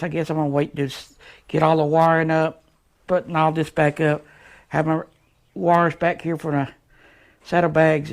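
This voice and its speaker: A folksy American vlogger rambles casually through a motorcycle repair in his shed, talking to himself as he works on an unscripted how-to. His voice is fairly high and creaky, and the action-camera recording is noisy and full of clicks.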